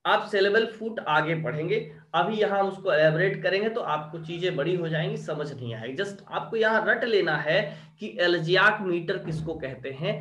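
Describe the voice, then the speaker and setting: A man lectures a class from the board, unhurried and a little high-pitched. He drills terms and keeps checking that his students follow. The room around him echoes noticeably. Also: pushed and bright. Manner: drills terms, often asks "clear?" and "okay?". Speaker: teacher.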